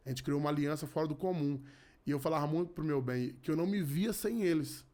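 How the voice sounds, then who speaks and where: A man in his thirties speaks as a podcast guest, sharing a personal faith testimony. His voice sits a little high, and his talk is earnest, with frequent restarts and repeated phrases. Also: fast, warm tone. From Rio de Janeiro. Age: 30s. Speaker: podcast guest, gospel musician. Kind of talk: casual testimony.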